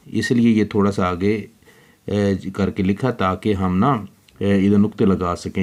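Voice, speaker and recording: With a fairly low, darkish voice, a man shows young children how to write, spelling out the letters one at a time as he writes them, very slowly and with patience.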